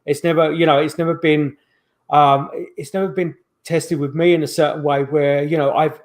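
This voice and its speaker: Rambling middle-aged man with a higher voice. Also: flat delivery, moderate pace. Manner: rambling, with many restarts and fillers. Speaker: guest paranormal investigator. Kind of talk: casual storytelling over video call. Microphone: video call microphone.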